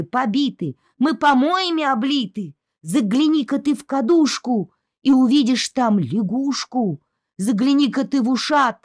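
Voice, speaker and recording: Brief: a woman playing a huffy copper basin from a fairy tale, with a high, animated voice. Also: dry recording, studio quality. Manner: indignant, complaining. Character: indignant old copper washbasin. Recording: clear music underneath.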